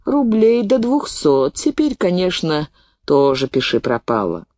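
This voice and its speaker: A woman's voice: on the low side, unhurried, dry recording. A woman doing a folksy old peddler woman. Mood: sheepish. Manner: folksy storytelling, lively and indignant. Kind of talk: audiobook reading.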